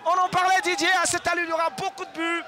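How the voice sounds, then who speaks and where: A man giving excited play-by-play football commentary. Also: extremely high pitch, fast. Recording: faint stadium crowd and noise.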